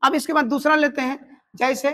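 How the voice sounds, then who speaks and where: A woman with a fairly high voice teaches a math lesson. She works through each step slowly and counts the digits out loud as she goes. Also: steady tone, slight background noise.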